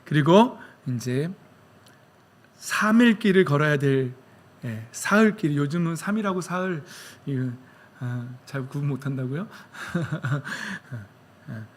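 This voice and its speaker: A man preaching a sermon in a slightly higher voice, with a chatty, joking manner toward the congregation. He swings between loud, emphatic declarations and soft, low asides. He acts out the questions and complaints of the story in quoted speech. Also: expressive, takes it slowly. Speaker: pastor.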